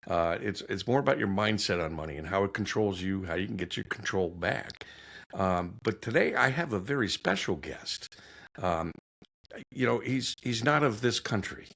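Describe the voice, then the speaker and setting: Male podcast host, gravelly low voice, easygoing conversational interviewer. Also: expressive, normal speed, fairly bright tone.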